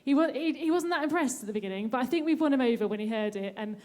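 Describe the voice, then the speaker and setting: Woman violinist, onstage announcer, slightly high voice, friendly, stage mic. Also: expressive, very fast, a little mellow. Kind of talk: live introduction of a piece. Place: stage on a cruise ship.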